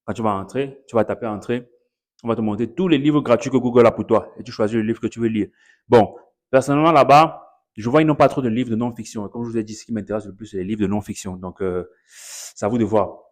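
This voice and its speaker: A man with a fairly low voice speaks straight to his audience in a relaxed vlog. He rambles in a chatty way, circling back over his points and slipping English words into his sentences. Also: fast. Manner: chatty, repeats himself, mixes in English words. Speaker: content creator promoting his online academy. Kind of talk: casual direct-to-camera vlog.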